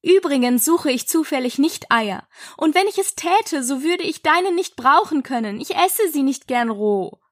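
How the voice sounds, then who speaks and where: A woman's voice: high voice, expressive, measured pace, pitched above the performer's own voice. A woman voicing an earnest, bewildered little girl in a storybook reading, protesting and earnest.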